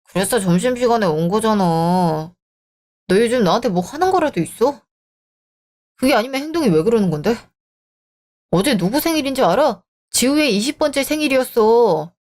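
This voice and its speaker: A woman's voice: a little high, expressive, moderate pace, a little mellow, natural voice. A woman voicing a selfish young married man who talks in a dismissive, irritated way, in a dramatized story. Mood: scornful.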